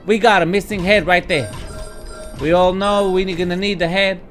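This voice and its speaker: A gameplay streamer in his thirties does casual let's play commentary from a room at home, game music playing behind him. His high, bright voice holds a steady tone at normal speed in a put-on Texas drawl, and he swears freely, talks to viewers and bursts out in frustration.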